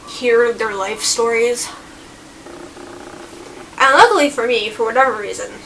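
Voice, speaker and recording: A young woman vlogging casually, telling a story while she eats, in an unhurried, chatty way. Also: a little high, vocal fry, bright, forceful tone, far from the mic, a little hiss or hum, poor audio.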